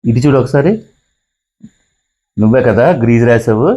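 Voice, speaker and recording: A man's voice: medium pitch, fairly even intonation, normal speed. A middle-aged man playing a husband in a scripted comedy sketch, scolding his wife and grumbling to himself. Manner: shouting and scolding, then muttering to himself.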